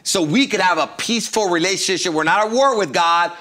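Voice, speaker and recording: A middle-aged male pastor teaches about faith during a conversation on a studio set furnished with couches. He speaks earnestly and emphatically, quoting scripture alongside everyday sayings, in a high, sharp voice at a brisk pace.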